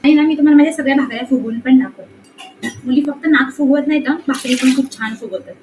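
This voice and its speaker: Young woman vlogging, high voice, chatty, bit of hiss behind. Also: quick pace, darkish tone. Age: young adult. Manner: chatty, addresses viewers directly. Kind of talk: casual vlog narration.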